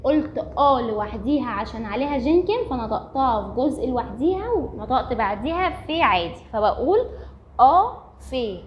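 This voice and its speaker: Egyptian woman teaching in a slightly high voice. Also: expressive, a little fast, hardly any pauses, a little hiss or hum. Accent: Egyptian Arabic. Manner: patient, repeating each point step by step. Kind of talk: recorded language lesson. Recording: dull lo-fi recording.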